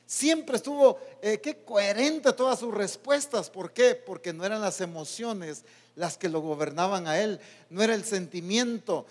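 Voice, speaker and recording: A man preaches a sermon in a church hall. He climbs to loud, urgent peaks, then drops to quiet, low lines, and at times he talks straight to his own soul. A long hall reverb hangs on every phrase. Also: normal speed. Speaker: pastor.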